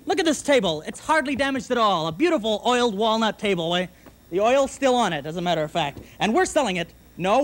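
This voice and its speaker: High-voiced young man hard-selling furniture. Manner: hard-selling, bursts into shouts, stumbles and flusters. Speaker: TV pitchman in a sketch. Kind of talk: parody local TV furniture commercial. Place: TV studio set. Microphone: handheld mic. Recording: 1960s TV broadcast.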